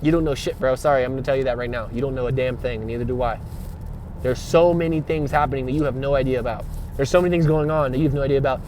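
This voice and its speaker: A man's voice: mid-range voice, very fast, a little mellow, a little hiss or hum. A man giving a rambling spiritual monologue, slangy and emphatic, repeating himself and swearing freely, with rhetorical questions. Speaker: spiritual vlogger.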